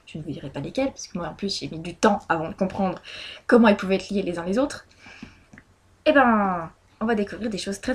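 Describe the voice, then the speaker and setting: In a relaxed recap of this month's books, a woman who blogs about reading talks chattily, often restarting and using fillers. She has a mid-range, slightly rough voice that's a little mellow.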